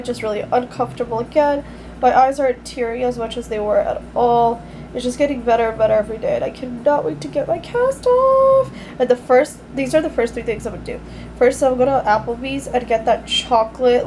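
A young woman chatting casually and excitably in a vlog, recorded on a handheld camera in a bedroom. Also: a little high, slight background noise, rough recording. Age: young adult. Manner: excitable, gushing, informal. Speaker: vlogger. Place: small bedroom indoors. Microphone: handheld camera at arm's length.

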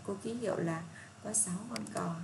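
A woman tutor reading a first-grade math workbook aloud to children, slow and patient, asking them encouraging questions. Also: mid-range voice, gravelly, noisy background. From Vietnam. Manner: slow, patient, reads problems aloud deliberately.

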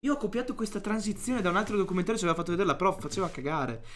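A man's voice: sits high, rapid-fire, a bit bright. A young man doing casual, profane, self-mocking stream commentary.

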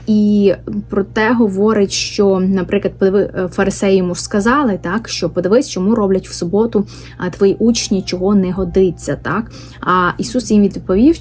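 A woman giving an informal Bible study talk, pausing often with fillers and tag questions and reading verses aloud slowly. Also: medium pitch, a little mellow. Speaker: Bible teacher.

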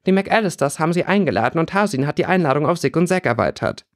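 A man voicing an anxious teenage schoolgirl in an audiobook reading, pitching his voice up. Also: expressive, fast talker. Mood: thoughtful. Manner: anxious, urgent.

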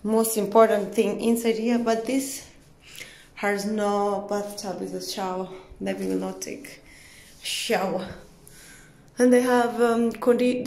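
A woman's voice: a little high, gravelly, darkish tone. Chatty young woman vlogging on a phone. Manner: chatty, halting with restarts and fillers. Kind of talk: casual travel vlog. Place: inside a car, then a hotel room. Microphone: handheld phone camera.

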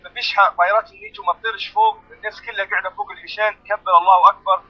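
Distressed high-voiced Libyan man pleading fast. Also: fairly even intonation, breathy edge. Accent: Libyan Arabic. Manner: pleading, repeating oaths. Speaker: eyewitness caller. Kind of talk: urgent phone report. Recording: muffled lo-fi phone line.

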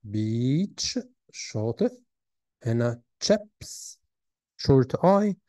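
Captured in a dry recording, an English teacher with an Egyptian Arabic accent and a warm, medium-pitched voice leads a recorded textbook lesson. He spells out sounds and words with care.

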